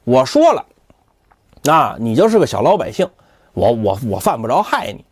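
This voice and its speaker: A male storyteller voicing a calm, stern older official who speaks slowly and quietly threatens. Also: mid-range voice, breathy edge, dry recording, clean studio sound, voice pushed down. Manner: slow, measured, quietly threatening.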